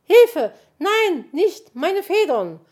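A woman's voice: high-pitched, lively intonation, normal speed, darkish tone, voice pushed up. A woman voicing a vain, fussy female magpie who shrieks in indignation. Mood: panicky.

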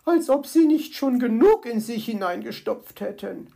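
Storybook magpie nurse, female, fussy and smug, high slow voice, read by a woman. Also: sing-song, gravelly, darkish tone, full character voice. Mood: fussing. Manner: brisk, fussing, self-satisfied.

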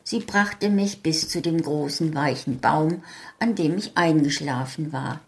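Woman, author reading her short story, low voice, very slow, calm, measured.

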